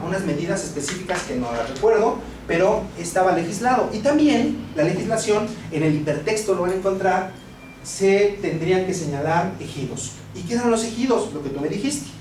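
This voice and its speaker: A Mexican man with a high, animated voice gives a casual law lecture at normal speed, full of anecdotes and rhetorical questions, often tossing in "¿no?" in his Mexican Spanish accent. He speaks conversationally in a university classroom. The recording is noisy and echoey, with the mic placed at a distance.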